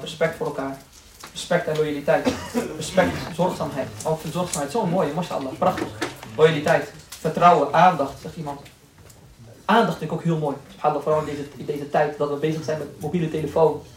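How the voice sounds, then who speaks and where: Male lecturer, quick and joking, acts out his anecdotes; distant mic, echoey room. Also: a little high, slight background noise. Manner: quick-talking, joking, acts out people in stories. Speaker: Islamic lecturer. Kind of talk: lively classroom lecture with anecdotes.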